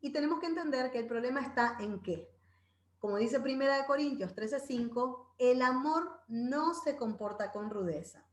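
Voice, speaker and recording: A woman's voice: high voice, expressive, normal speed. A woman leads a parenting Bible class in an easy, conversational way. She keeps checking in with her listeners and acts out children's voices now and then. The recording has a roomy echo. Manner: conversational, tags phrases with "¿verdad?". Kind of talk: informal Bible parenting talk.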